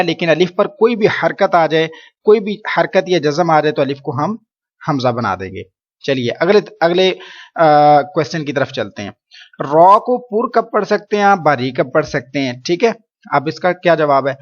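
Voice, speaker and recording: A patient male teacher leads a Quran reading lesson in a somewhat high voice. He explains the rules, then slowly draws out each syllable so learners can repeat after him. The recording is dull and lo-fi. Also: lively intonation.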